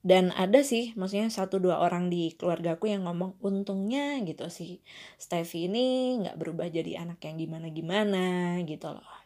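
A young woman calmly sharing a personal story in a casual monologue, with many fillers and asides. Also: lowish voice, normal speed. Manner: reflective, frequent fillers and asides.

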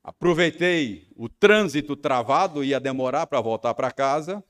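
A pastor with a Brazilian Portuguese accent speaks at a medium pitch with lively intonation and a measured pace. His sermon recounts a personal story, dotted with tag questions, as he acts out his own angry rehearsal.

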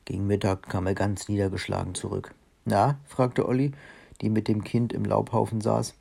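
A man reads a children's story aloud and chats kindly with his young listeners. His voice is low, dark and gravelly, with a husky edge. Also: flat delivery, moderate pace. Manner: chatty, friendly toward children. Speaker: reader of daily children's stories.

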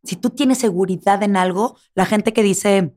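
A woman's voice: medium pitch, moderate pace, a little mellow. A woman in her thirties with a Mexican accent, a guest actress in a casual interview, talking emphatically and repeating words for stress.

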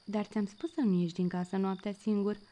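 Woman playing a gentle father tomcat. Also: medium pitch, little pitch movement, close to an everyday voice. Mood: caring. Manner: patient, gently correcting.

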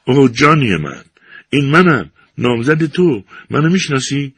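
A man's voice: sits low, very animated, creaky, fairly bright tone, breathy edge, no echo, full character voice. A man voicing a desperate young woman calling out tearfully to her fiancé. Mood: pleading. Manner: pleading cries.

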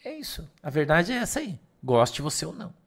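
Middle-aged man, preaching, emphatic, slightly high voice, loud and soft in turns. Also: big pitch swings, brisk. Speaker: pastor. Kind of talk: sermon.

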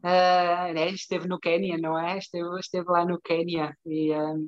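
A woman's voice: fairly low pitch, little pitch movement, measured pace. A woman with a European Portuguese accent explaining her work in a conversational interview, often searching for words and checking that she is followed. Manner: hesitant, searching for words, frequent checking tags. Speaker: interview guest, development bank professional. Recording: dull, lo-fi call audio.

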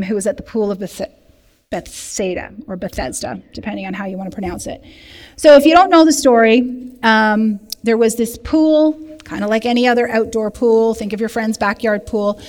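Woman, recovery group leader, lively sermon, speaks straight to the room, fairly high voice, long hall reverb. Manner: lively, talks directly to the room with humor. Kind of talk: sermon teaching. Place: church meeting room.

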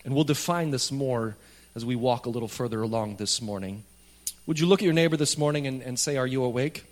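A man's voice: mid-range voice, fairly quick. A man preaching a sermon as a pastor, talking directly and conversationally to his congregation. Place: speaking to a congregation at a church service.

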